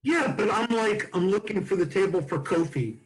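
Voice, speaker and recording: A man's voice: high voice, expressive, normal speed, poor audio. A man in his sixties hosting a casual comedy chat, joking and telling anecdotes. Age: 60s. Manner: jokey, tells anecdotes. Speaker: host.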